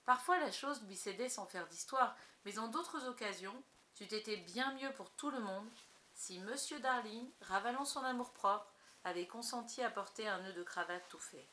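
A woman narrating a story in a wry, gently ironic reading style, over a faint hiss. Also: mid-range voice, normal speed. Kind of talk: audiobook reading.

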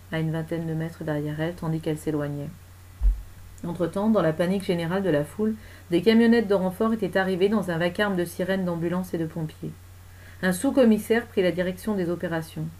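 A woman reading a story aloud as narrator, dramatic and expressive. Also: lowish voice.

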